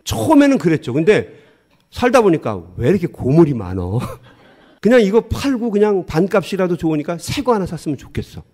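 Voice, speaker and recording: Lively, animated man preaching. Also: high voice, normal speed. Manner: lively storytelling, acts out dialogue, laughs often. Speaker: pastor. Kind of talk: sermon with humorous anecdotes.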